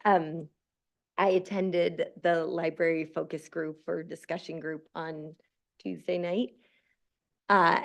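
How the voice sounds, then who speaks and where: A nervous woman in her forties with a shaky voice, giving a halting public comment at a school board meeting, full of fillers and restarts. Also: low voice, vocal fry. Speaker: public commenter, social worker and mother.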